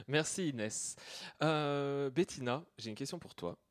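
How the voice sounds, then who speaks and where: Mid-pitched young male host. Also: takes it slowly. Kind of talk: moderating a casual discussion.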